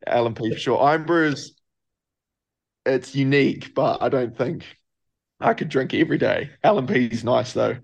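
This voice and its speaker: A man's voice: mid-range voice, lively intonation, normal speed, vocal fry, pauses often, breathy edge. A young man with a New Zealand accent, a professional rugby player answering interview questions in a loose, laid-back way. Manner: laid-back, loose, lots of filler phrases.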